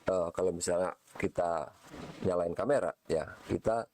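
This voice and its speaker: Male lecturer, online class, chatty and relaxed; low, mellow voice, slight background noise. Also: normal speed. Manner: relaxed, chatty, mixing in English words. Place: home setting, online class.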